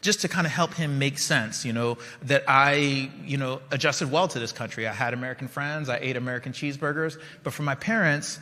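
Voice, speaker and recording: This Liberian man's keynote speech rolls along fairly quickly with hardly any pauses, his mid-range voice bright and forceful. He speaks conversationally, weaves in stories and turns often to the crowd. The recording carries the long reverb of a large hall.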